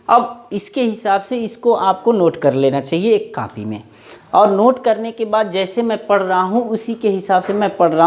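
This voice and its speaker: A man's voice: sits high, a little mellow. A man, teaching English pronunciation by spelling words out letter by letter and repeating each one. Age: 40s. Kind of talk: slow spelling-out lesson.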